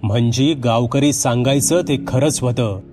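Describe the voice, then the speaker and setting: A man's voice: medium pitch, a little slow, a little mellow, soft background music, natural voice. A man voicing a stern older village man who questions a possessing spirit with firm, insistent manner.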